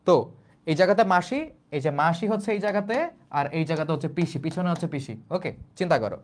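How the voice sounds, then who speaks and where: A young male teacher with a Bangladeshi Bengali accent. His voice sits a little high, and he talks in a loose, repetitive explaining style. He keeps rephrasing things and putting questions to his class. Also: animated, fairly quick. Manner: repetitive, restates lines in plain colloquial words, asks rhetorical questions.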